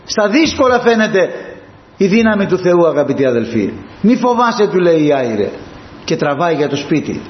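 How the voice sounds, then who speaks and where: Male preacher, impassioned sermon, fairly high voice, echoey dull church recording. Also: animated. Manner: impassioned, swings from hushed asides to high emphatic peaks. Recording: dull, roomy and slightly noisy.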